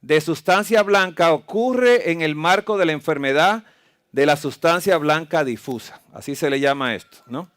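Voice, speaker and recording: A man's voice: a little high, moderate pace, fairly bright tone, clean tone. A man preaching a sermon that mixes medical slides with scripture, asking the congregation frequent rhetorical questions. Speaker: preacher and health lecturer. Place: church camp meeting.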